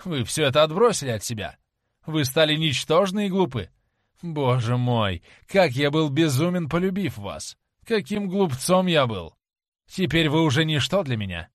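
A man voicing a proud young man who turns cruel in anger, with loud, bitter, accusing outbursts in an audiobook reading. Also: on the high side, sing-song, normal speed, no room sound, clean studio sound. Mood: scornful, furious.

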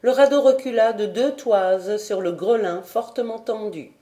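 Mellow-voiced woman reading a novel. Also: mid-range voice. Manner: clear, measured reading. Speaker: audiobook reader. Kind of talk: scripted narration.

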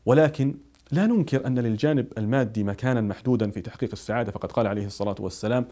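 A male preacher delivers a sermon at a quick clip. His voice is dark and mellow, and he presses his points with emphatic rhetorical questions. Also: medium pitch.

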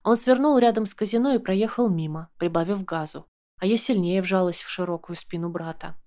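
A woman narrates an audiobook in the first person. Her reading is calm and measured, an even storytelling voice. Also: fairly low pitch.

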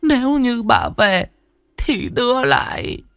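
A man's voice: very high voice, wildly swooping pitch, vocal fry, a bit bright, no echo, pitched above the performer's own voice, full character voice. Man playing a stern, frightened old grandmother. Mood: pleading. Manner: urgent, pleading, drawn-out words.

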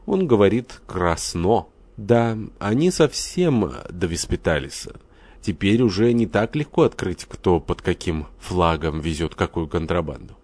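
A man's voice: low voice, big pitch swings, a little slow, a little mellow, dry recording, full character voice. A man reading a terse, gloomy man. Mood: glum. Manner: terse, glum.

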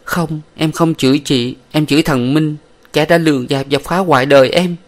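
A man's voice: fairly high pitch, fairly even intonation, normal speed, pitched above the performer's own voice, natural voice. A man voicing a distraught young woman in an audiobook, pleading and tearful. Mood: bitter. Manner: pleading, sobbing. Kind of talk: audiobook character voice.

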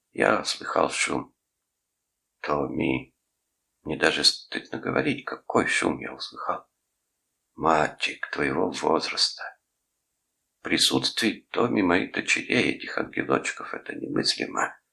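A man's voice: extremely low pitch, gravelly, bright, forceful tone, heavily acted. A man playing a pompous preachy uncle. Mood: reproachful. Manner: preachy, lecturing, drawn-out phrases. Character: pompous sanctimonious middle-aged uncle, menacing.

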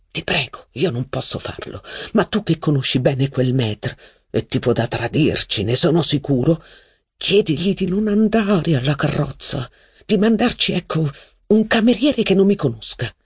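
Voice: darkish tone, slightly rough, no room sound, studio quality, natural voice. A reader doing a jealous, irritable young nobleman. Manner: urgent, low, partly whispered. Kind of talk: audiobook character reading.

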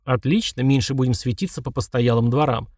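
A man voicing a calm, easygoing young male warlord in an audiobook. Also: mid-range voice, brisk, no room sound, studio quality, close to an everyday voice.

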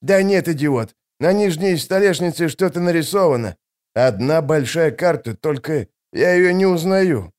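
A man's voice: a little high, animated, moderate pace, a little mellow, pitched above the performer's own voice, lightly acted. A man narrating an audiobook, voicing an irritable, hot-tempered male army mage. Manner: snappy, irritable.

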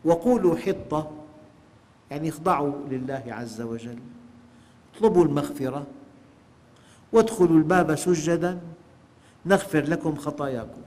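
A man's voice: fairly high pitch, mellow. A man giving a religious lecture on scripture, preaching emphatically and asking his listeners rhetorical questions. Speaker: sheikh giving Quran exegesis. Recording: long hall reverb.

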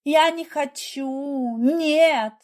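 A woman's voice: high-pitched, steady tone, slow, voice pushed up. A woman reading aloud voices a hysterical, jealous pregnant young wife who screams and sobs. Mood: desperate. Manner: shrieking, sobbing, furious.

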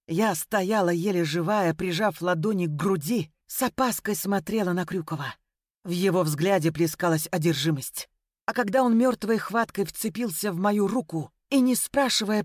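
A woman's voice: on the low side, dry recording, studio quality. A woman narrating an audiobook in a dramatic, emotive reading style.

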